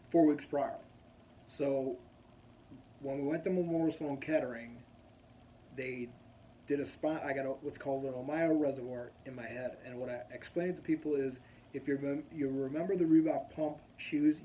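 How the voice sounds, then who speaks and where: A man's voice: mid-range voice, dark tone, a little hiss or hum. A man casually telling a long personal story, rambling and going off on tangents. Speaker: vlogger.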